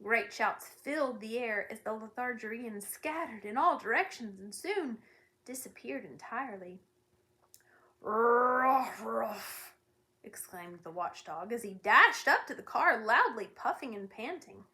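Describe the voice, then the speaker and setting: A woman reading a children's novel aloud, expressive and lively. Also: on the high side, moderate pace. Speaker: storybook reader.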